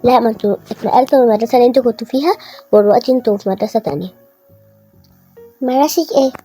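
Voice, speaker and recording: A woman with an Egyptian Arabic accent voicing a fussy, scolding mother in a toy-game story, with a high, husky, mellow voice. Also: racing, soft background music. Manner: nagging, exasperated. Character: fussy, scolding mother waking her kids.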